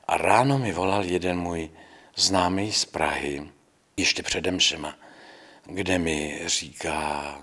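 An older male priest tells his story with a deep, husky voice. He speaks with calm conviction, slipping into the voices of the people he quotes. It sounds like an interview. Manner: storytelling, acts out quoted dialogue. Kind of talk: recounting memories in an interview.

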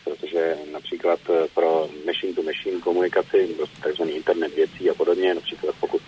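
Man, very low voice, flat delivery, hesitant news-interview guest, faint noise. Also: low-quality recording. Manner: hesitant, many "eh" fillers, explanatory. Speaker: telecom regulator, interview guest.

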